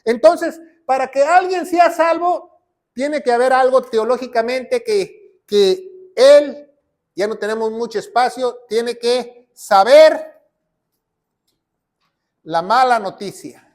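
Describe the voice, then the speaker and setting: A man's voice: very high voice, slow, long pauses, a little mellow. A man preaching. He presses his points by repeating short phrases and reciting scripture, teaching his listeners. His voice sometimes drifts off the mic. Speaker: pastor. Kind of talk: sermon teaching.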